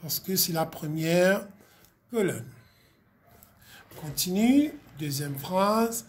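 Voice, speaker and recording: A woman's voice: lowish voice, expressive, slow. A woman teaching a grammar lesson to young pupils, patiently repeating each word and checking with "ok?". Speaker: primary school English teacher. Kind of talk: classroom lesson explanation.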